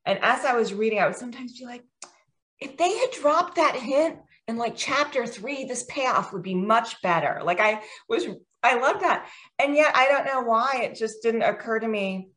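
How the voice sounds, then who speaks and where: A woman's voice: a little high, lively intonation, normal speed, fairly bright tone. An American woman in her forties, a guest author, talking in a chatty, self-deprecating way with frequent ums. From United States. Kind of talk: casual interview.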